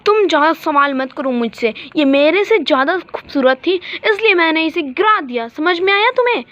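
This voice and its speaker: A woman's voice: extremely high pitch, animated, moderate pace. A woman voicing a cruel bossy big sister. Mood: scornful. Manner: scolding, bossy. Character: mean bossy older sister, cruel and vain. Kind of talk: doll-play storytelling. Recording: dull lo-fi recording.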